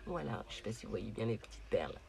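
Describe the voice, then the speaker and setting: A woman's voice: very deep voice, big pitch swings, fast, gravelly, a little mellow. A woman hosting a casual crafting tutorial, chatty and hesitant, with many fillers as she talks through her project. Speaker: craft channel host.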